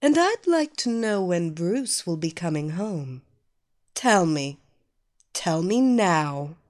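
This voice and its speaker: A woman's voice: on the low side, sing-song, a little mellow. A woman voicing a commanding villainess. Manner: slow, coaxing, commanding delivery. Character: commanding, domineering woman villain, mocking and sure of her power. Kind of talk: audio story reading.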